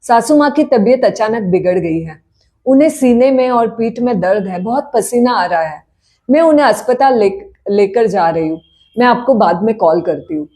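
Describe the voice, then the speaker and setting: A woman's voice: fairly high pitch, animated, moderate pace, warm tone, lightly acted. A woman voicing a devoted young wife and mother who speaks earnestly and with worry. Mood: worried. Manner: earnest, worried.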